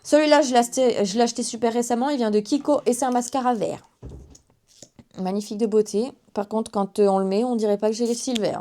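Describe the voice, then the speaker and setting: A woman's voice: fairly high pitch, warm tone, a little hiss or hum. A 19-year-old woman chatting casually through a makeup haul, with self-mocking asides. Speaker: beauty vlogger.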